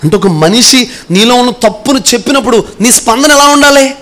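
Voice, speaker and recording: A middle-aged male pastor preaching a sermon, earnestly pressing rhetorical questions on his congregation and swinging between forceful and hushed delivery. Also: very high-pitched, expressive, a little fast.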